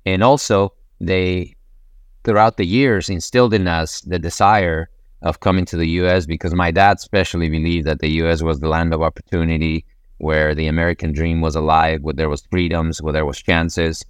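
A man from Ecuador speaks in an earnest, motivational tone. His low voice is smooth and resonant. The recording is close and dry, with no room echo. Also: flat delivery, normal speed. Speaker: podcast guest, real estate investor. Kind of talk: motivational interview talk.

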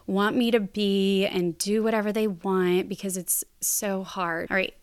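A woman talking through parenting tips in a relaxed, candid way, owning up to her own slips with a laugh. Her voice sits at a middle pitch and comes across smooth and resonant. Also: measured pace. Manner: candid, self-deprecating, laughs at herself. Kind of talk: casual parenting advice talk.

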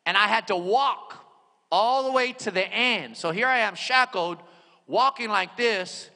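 Man, pastor, sermon, dramatic storytelling, high voice, echoey hall. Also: a little slow, gravelly. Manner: dramatic storytelling, swings from hushed to shouting.

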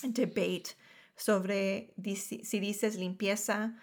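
A woman's voice: medium pitch, little pitch movement, extremely slow. A woman hosting a casual conversation, switching between Spanish and English mid-sentence in Spanglish. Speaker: podcast host, dental professional.

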